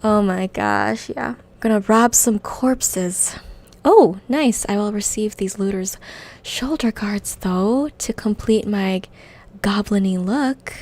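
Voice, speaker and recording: Young woman gamer, bubbly and excitable, unhurried commentary. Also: mid-range voice. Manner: excitable, bubbly, quick to gasp and laugh. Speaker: gaming video creator. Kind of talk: casual gameplay commentary.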